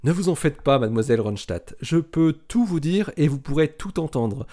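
A man's voice: a little high, lively intonation, normal speed, warm tone, natural voice. Easygoing astronaut guy playing it cool, man narrating, slightly raised voice. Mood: reassuring. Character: male astronaut undercover, calm and friendly.

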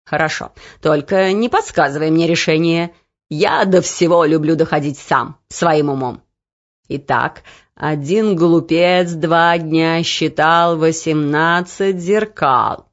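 A woman's voice: low-pitched, slow, dull audio, pitched below the performer's own voice. A woman voicing a vain, pedantic king in an audiobook. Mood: pompous. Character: gloomy middle-aged male king, vain, pedantic.

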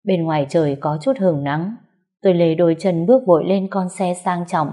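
A woman's voice: lowish voice, steady tone, normal speed, mellow. A woman narrating a sad first-person story in a sorrowful, tender way.

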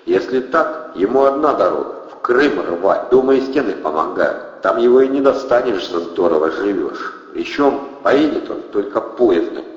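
A cool gang boss, voiced by a male reader, gives calm, curt orders in a lively, slightly raised voice. The audiobook sounds dull, with an echoey, reverberant room around it. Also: fairly low pitch, normal speed, hardly any pauses, natural voice.

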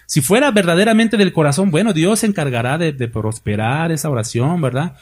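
A man's voice: on the high side, a little fast, breathy edge. A middle-aged man with a Mexican Spanish accent, preaching a sermon emphatically, with rhetorical questions and acted-out quotes. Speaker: pastor.

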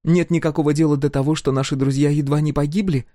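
A man's voice: on the high side, steady tone, fast talker, mellow, no room sound, studio quality, pitched above the performer's own voice, natural voice. A man voicing an anxious young female fighter who talks urgently. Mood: shaken. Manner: urgent, pressing.

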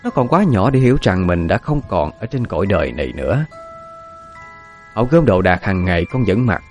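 A male storyteller reads a dark tale in a low voice with very lively, rising and falling pitch. His delivery is dramatic and expressive. Soft music runs faintly underneath. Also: brisk. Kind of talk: scripted narration of a ghost story.

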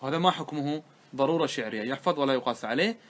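In a grammar class, a man with a mid-range, animated voice breaks down a classical poem line by line. He slows when quoting the verses and handles his own questions to the audience by answering them.

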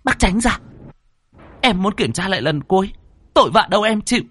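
A man voicing a stubborn grieving aunt who shouts orders in a high strained voice. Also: animated, fairly quick, husky, heavily acted. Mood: defiant, commanding.

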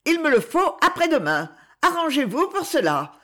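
A woman's voice: high voice, big pitch swings, moderate pace, fairly bright tone, voice pushed up. A woman voicing an arrogant, haughty young woman who speaks sharply in a storybook reading.

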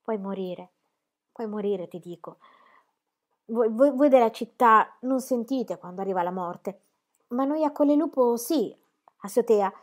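A woman's voice: on the high side, normal speed, natural voice. Woman voicing a frantic young shepherd lad. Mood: desperate. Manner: frantic, pleading, repeating himself. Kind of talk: audiobook reading.

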